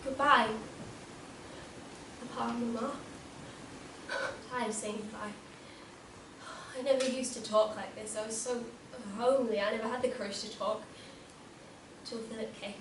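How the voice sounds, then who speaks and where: Wistful, fragile young woman , as a teenage actress plays her in a school stage play. She speaks in a high voice with breathy sighs. It is caught from far off in an echoey hall with faint hiss. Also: fairly even intonation, normal speed, pauses often, natural voice. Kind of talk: stage acting.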